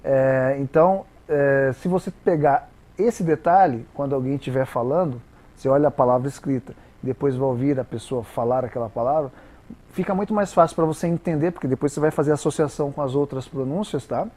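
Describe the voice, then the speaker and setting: A Brazilian man with a Brazilian Portuguese accent, a guest explaining English pronunciation in a didactic, halting way with many repeated words. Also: mid-range voice, mellow. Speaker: interview guest, English teacher. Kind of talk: explanatory interview talk.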